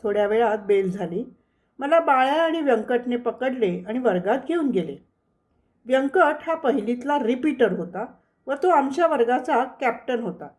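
Woman reading a memoir, slightly high. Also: animated, normal speed, darkish tone. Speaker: audiobook narrator. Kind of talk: scripted memoir narration.

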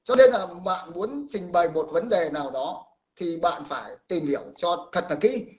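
A male host runs a live call-in stream in a fairly high voice. He lectures his callers in a condescending tone and keeps pausing to clear his throat. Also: lively intonation.

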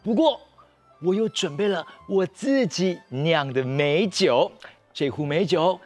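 A man's voice: fairly high pitch, animated, slow pace, darkish tone, soft background music. A man with a Taiwanese Mandarin accent voicing a grateful, courteous elderly host in a children's story. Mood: grateful, genial. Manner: polite, effusively thankful.

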